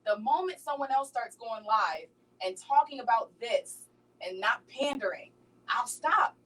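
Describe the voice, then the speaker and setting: A woman's voice: fairly high pitch, expressive, unhurried, a bit bright, recorded from a distance, low-quality recording. Passionate woman guest, emphatic. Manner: passionate, emphatic, repeats "right?". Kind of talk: casual radio talk show chat.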